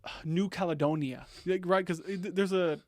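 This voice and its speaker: A man, co-hosting a casual podcast, rambling and quick to laugh. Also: high voice, steady tone, a little mellow, no echo. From American Midwest. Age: 20s. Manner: rambling, quick to laugh, trails off mid-thought. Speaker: podcast co-host. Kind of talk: casual chat.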